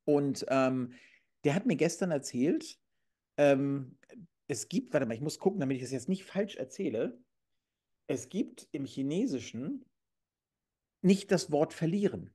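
A man's voice: a little high, lively intonation, measured pace, long pauses, dark tone, husky. Blunt middle-aged man on a video call. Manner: blunt, crude, storytelling. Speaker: co-host. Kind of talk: casual comedic chat. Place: room at home, indoors. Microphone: video call webcam.

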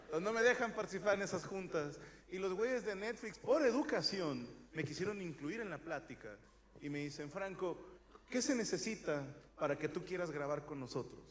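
A Mexican man in his thirties doing a stand-up comedy monologue, telling crude, slangy stories and shouting some bits. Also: sits high, animated, moderate pace. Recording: live show with loud audience noise.

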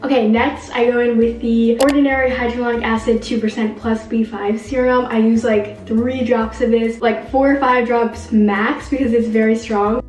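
A woman's voice: a little high, steady tone, normal speed, few pauses, a little mellow, faint music behind. A young woman with a groggy morning voice, chatting casually through her skincare routine and filling her speech with "like". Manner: chatty, filler-heavy with frequent "like". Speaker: beauty vlogger. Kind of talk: casual makeup tutorial chat. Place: small home bathroom. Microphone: camera on a shelf at a distance. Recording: echoey bathroom, voice from a distance.

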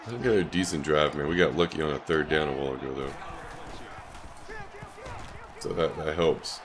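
A man with a scratchy, sick-sounding throat, giving laid-back, casual commentary on the game he's playing, with short excited outbursts. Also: extremely low pitch, moderate pace. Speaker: gaming YouTuber.

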